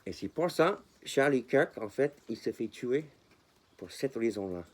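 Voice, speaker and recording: A man's voice: medium pitch, animated, a little slow, breathy edge. A man vlogging casually to his viewers in French with a non-native accent, speaking passionately, repeating himself and dropping English words in. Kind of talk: casual talk to camera.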